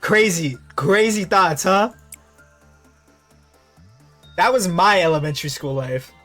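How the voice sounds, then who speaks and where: A man's voice: sits high, slow, faint music behind. Young man telling rambling stories. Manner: animated, profane, rambling anecdotes. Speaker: streamer. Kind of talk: casual live-stream chat and storytelling.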